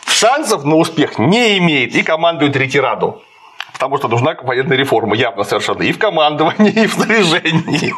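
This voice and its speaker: A man's voice: fairly high pitch, a bit bright, husky. A man chatting casually while critiquing a film, sarcastic and digressive. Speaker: co-host reviewing a film.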